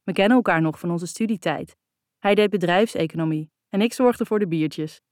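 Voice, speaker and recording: A woman voicing a cheerful, warm young man who talks in a friendly, lively way. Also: moderate pace, dry recording, clean studio sound, close to an everyday voice. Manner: friendly, lively, raised pitch.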